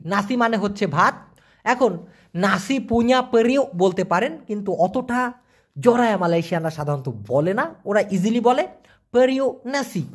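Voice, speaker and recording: A man giving an online language lesson, answering viewer questions and slowly repeating foreign words for pronunciation. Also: high-pitched. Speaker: language teacher.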